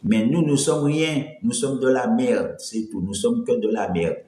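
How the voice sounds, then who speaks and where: A man's voice: mid-range voice, a little slow, warm tone. A man hosting a rambling live stream, greeting viewers by name and slipping into Creole. His voice is thin and cracks when he pushes it. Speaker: livestream host. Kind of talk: casual live-stream talk. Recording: echoey room.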